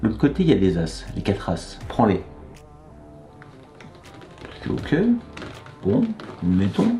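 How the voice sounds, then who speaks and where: A man's voice: low voice, huge pitch swings, slow pace, vocal fry, dark tone. A man presenting a trick by telling, casually and wryly, how it was played on him, sounding unimpressed. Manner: dry, wry, unimpressed retelling. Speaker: magic dealer presenting a trick. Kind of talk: casual storytelling. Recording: echoey room with faint music.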